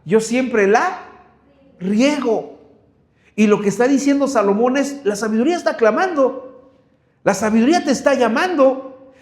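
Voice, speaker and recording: A Mexican man preaches a sermon in a fairly high voice, with a Mexican Spanish accent. He drives his points home by stacking rhetorical questions, and his voice rings in an echoey room. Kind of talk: sermon Bible study.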